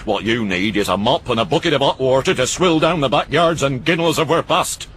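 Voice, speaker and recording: A man lightly acts the part of a cantankerous old northern uncle, sharp-tongued and mocking, who rants with gruff, rambling scorn. The character's voice is medium-pitched, brisk and a bit bright, pitched above the performer's natural voice. A little hiss or hum sits in the recording.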